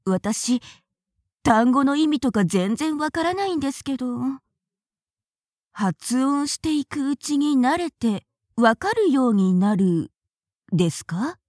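A high, lively voice, slow and hesitant, rising and falling a lot as a woman plays a naive, easily flustered young woman in an audio drama. She stays polite and stammers over her words, and the voice sounds close and dry. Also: no room sound, exaggerated voice.

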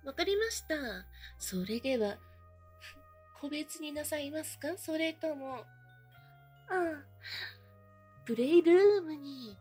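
A woman's voice: high-pitched, animated, slow pace, long pauses, dark tone, faint music behind. A woman performing an adult roleplay as a maid, speaking in polite maid phrasing with a mocking, teasing manner and frequent giggles.

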